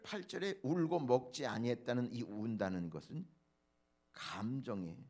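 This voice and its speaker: Male pastor, dawn sermon, fairly high voice that leaps all over, shifts between hushed asides and loud emphatic peaks, talks straight to the congregation. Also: vocal fry. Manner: preacherly, addresses congregation directly.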